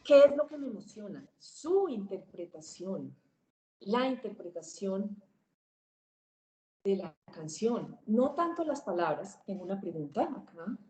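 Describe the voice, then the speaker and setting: A woman teaching a public speaking webinar, swinging her pitch, volume and pace to demonstrate. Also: big pitch swings, measured pace, mellow, roomy sound, low-quality recording. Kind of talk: webinar lesson.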